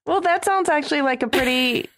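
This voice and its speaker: A woman's voice: sits high, fairly quick, fairly bright tone, no echo, clean studio sound. A woman co-host asking casual, playful interview questions.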